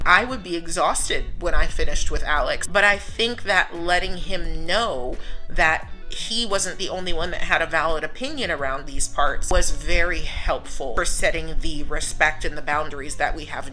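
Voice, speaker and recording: Bright, chatty American woman vlogging. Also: on the low side. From United States. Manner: chatty and upbeat, laughs often. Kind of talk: casual vlog talk to camera.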